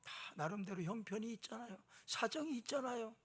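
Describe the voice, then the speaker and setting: A pastor preaches in a relaxed, conversational way and often turns to the congregation with questions. His voice sits high for a man. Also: a little fast, slightly rough. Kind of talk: sermon.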